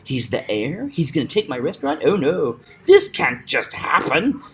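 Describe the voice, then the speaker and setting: A man voicing a panicky, scheming little male chef who shouts in rising bursts. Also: very animated, fairly quick, a little hiss or hum. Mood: frantic. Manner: climbing pitch, shouted repeated words.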